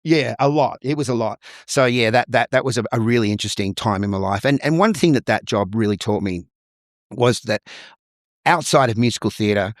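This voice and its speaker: A man's voice: medium pitch, a little fast, no echo, clean studio sound. A man with an Australian accent, a musical theatre performer and vocal coach, telling anecdotes in a casual interview with frequent restarts and repeated words.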